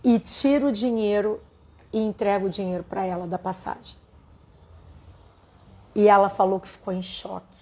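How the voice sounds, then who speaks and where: A woman's voice: medium pitch, steady tone, normal speed, long pauses, a little mellow. A woman with a Brazilian Portuguese accent, a spiritual teacher telling a story earnestly and speaking straight to her listeners. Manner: earnest, addresses listeners directly. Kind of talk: storytelling to an audience.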